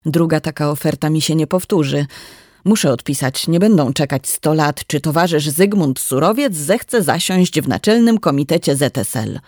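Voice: mid-range voice, expressive, normal speed, darkish tone, dry recording, studio quality, natural voice. A narrator voicing a hungry, displeased husband, a party official who talks gloomily and sourly. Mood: sour, pressing. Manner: sour, gloomy muttering. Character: grumpy middle-aged male official, husband.

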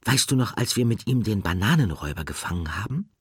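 A man voicing a small, excitable female furry animal with a squeaky, piping voice in an audiobook. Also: fast, slightly rough, no echo, clean studio sound, full character voice. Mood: wistful. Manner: excitable and dramatic. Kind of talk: audiobook character voice.

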